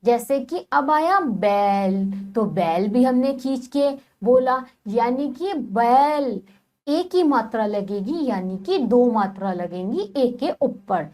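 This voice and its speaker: A woman teacher giving a children's phonics lesson, patient and repeating each step slowly. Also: fairly high pitch, sing-song, dark tone.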